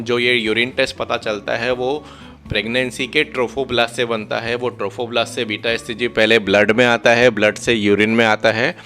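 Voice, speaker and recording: A man gynecologist co-hosting, explaining biology in a measured way and putting questions to his colleague. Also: medium pitch, a bit bright. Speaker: gynecologist co-host. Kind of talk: medical explainer conversation.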